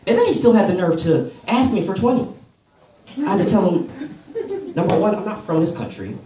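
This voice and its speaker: A high-pitched, sing-song, mellow voice carries this American comic's open-mic set, delivered a little fast. Telling stories in a laid-back way, he plays to the live audience, whose laughter fills the roomy, distant club recording.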